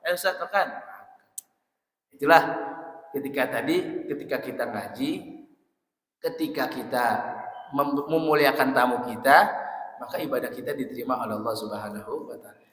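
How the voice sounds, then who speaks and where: A male Islamic preacher, giving a casual, humorous sermon in a mosque. He tells lively stories and chants Arabic phrases. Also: medium pitch, brisk, long pauses. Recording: echoey reverberant mosque hall.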